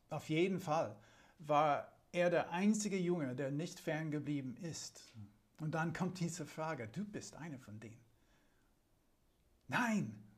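A man with a light foreign accent preaching a sermon, speaking slowly and deliberately and reading scripture with drama. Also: on the high side, darkish tone.

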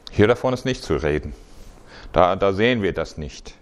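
Male preacher, lowish voice, chatty and halting, restarts often. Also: lively intonation. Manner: conversational, halting, many restarts. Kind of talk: sermon.

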